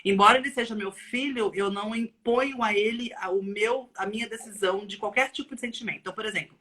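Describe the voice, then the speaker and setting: A Brazilian woman hosting a casual online chat, lively and thinking aloud as she talks. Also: medium pitch, fast. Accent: Brazilian Portuguese. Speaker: live stream host. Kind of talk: casual video-call chat.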